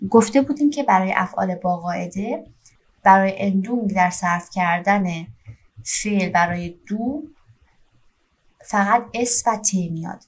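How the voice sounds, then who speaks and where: A woman teacher with a medium-pitched voice leads an online language lesson. She speaks patiently and explains grammar step by step. She slows right down to dictate each verb form clearly. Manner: slow, careful dictation of German verb forms with Persian explanations.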